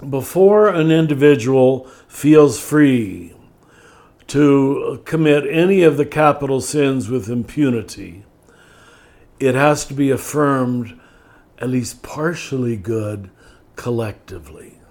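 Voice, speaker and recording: His voice is mid-range and slightly mellow, with lively intonation. He's an older spiritual teacher in conversation on a podcast, speaking thoughtfully and deliberately and easing his pace to emphasize key words.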